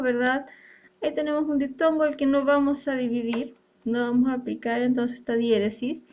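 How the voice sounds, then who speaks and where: A woman's voice: sits high, muffled recording. A woman teacher explaining a lesson step by step, often checking in with her students. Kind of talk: online class lesson on poetic meter.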